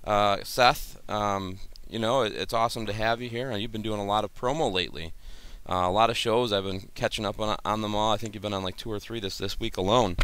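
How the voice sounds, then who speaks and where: A man's voice: on the low side, steady tone, brisk, a bit bright, clear, resonant tone. A man hosting a live paranormal stream, chatting casually and poking fun at himself. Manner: chatty, self-deprecating. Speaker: host.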